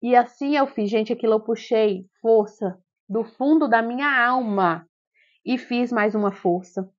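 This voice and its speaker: A young woman with a Brazilian Portuguese accent, vlogging and telling a personal story in an animated, exclamatory way. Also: a little high, unhurried. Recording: dull lo-fi sound.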